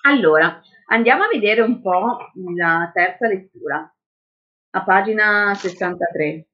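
A woman hosting a casual book reading chat, playful and animated, with hesitant fillers. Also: medium pitch, a little slow. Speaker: book reader and reviewer. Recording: tinny phone-like line.

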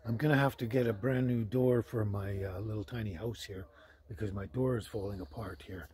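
Speaking in a lowish, steady voice at a brisk clip, an older Canadian vlogger chats hesitantly and ramblingly to camera, with no script. He's outdoors at a forest campsite and also inside a vehicle canopy. Crowd noise is audible, and the handheld outdoor recording has clear background noise.

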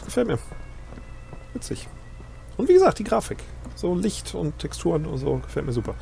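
Animated man chatting over gameplay. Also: fairly high pitch, fast talker, vocal fry, breathy edge, soft background music. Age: middle-aged. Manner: chatty, amused, reads on-screen text aloud. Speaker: let's play host. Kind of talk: gameplay commentary.

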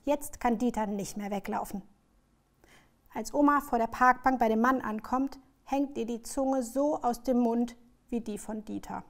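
Expressive woman reading a children's book. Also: fairly high pitch, measured pace. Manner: lively, expressive storyteller. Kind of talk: scripted storybook reading aloud.

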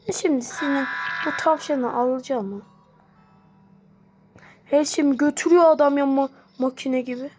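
A woman giving excitable live gameplay commentary, pleading and yelling at the game. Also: sits high, moderate pace, long pauses, soft background music. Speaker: gamer.

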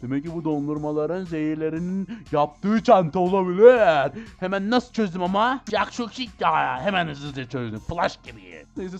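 A man with a high, quick voice rattles through his gameplay commentary. He is excitable, gasps at every scare and keeps turning to his viewers. Game music and gunfire play softly behind him. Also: highs cut off. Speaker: gaming channel host.

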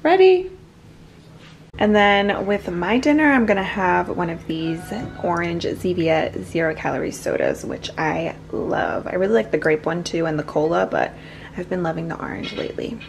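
A young woman chatting loosely to her camera, her voice sitting a little low for a woman. She rambles casually and keeps dropping in filler words. A faint hiss of noise hangs under her voice. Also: lively intonation, moderate pace, vocal fry. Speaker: vlogger. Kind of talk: casual vlog chat.

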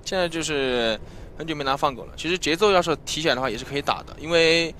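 A man's voice: fairly high pitch, pushed and bright, slight background noise. A man giving live esports color commentary, breaking down team tactics and asking his co-caster pointed questions. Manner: fast analytical talk, posing questions to co-caster.

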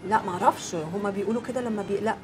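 A woman's voice: medium pitch, very fast, soft background music, natural voice. A young actress with an Egyptian accent playing a sarcastic, bossy wife set on her night out. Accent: Egyptian Arabic. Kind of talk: comedy series acting.

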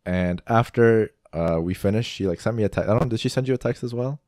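A man's voice: fairly low pitch, quick pace, darkish tone, dry recording. Laid-back young man, dry close sound. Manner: laid-back, laughs through his own stories. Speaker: podcast co-host. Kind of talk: casual chat.

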